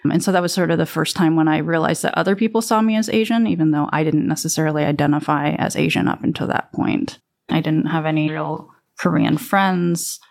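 A woman's voice: deep voice, fairly quick, gravelly, a little mellow. A woman in her forties candidly telling her own life story in a reflective, conversational way with casual fillers. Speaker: interviewee. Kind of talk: personal storytelling.

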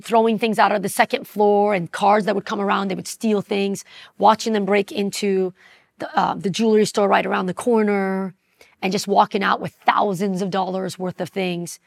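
Gravelly-voiced woman from Iran telling her story. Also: medium pitch. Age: 40s. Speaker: interview guest. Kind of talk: personal storytelling.

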